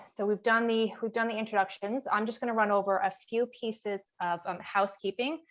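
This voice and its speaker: Woman presenter on a video call, mid-pitched, friendly and organized, audio a bit dull. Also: steady tone, fairly quick. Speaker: union staff member presenting. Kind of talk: online info session housekeeping.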